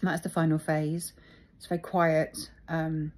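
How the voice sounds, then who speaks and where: A middle-aged woman talking reflectively about her feelings, thoughtful and halting as she searches for words. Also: low-pitched, level tone. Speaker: vlogger. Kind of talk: reflective personal talk.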